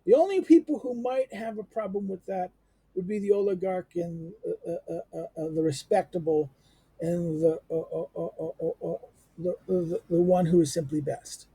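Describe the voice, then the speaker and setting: A middle-aged man giving an unscripted lecture on a text, halting with many fillers, restarts and rhetorical questions. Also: high-pitched, mellow, slightly rough, no room sound.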